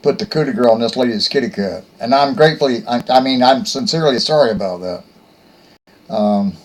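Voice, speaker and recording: A man hosting his own show, telling a rambling story in a folksy, rough-spoken, joking way. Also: mid-range voice, moderate pace, rough recording. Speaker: host. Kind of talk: casual rambling monologue.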